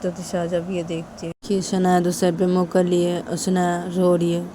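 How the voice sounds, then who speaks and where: Woman narrating a story in a low plain voice. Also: completely flat delivery, normal speed, warm tone, slight background noise. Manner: low, plain, repeats names often. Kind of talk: casual spoken story narration.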